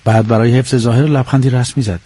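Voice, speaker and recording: A man narrates a novel as an audiobook in a husky, measured voice. He drops to a hush in the quiet scenes. The recording is close and dry, with no room sound. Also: medium pitch, fairly even intonation, no room sound.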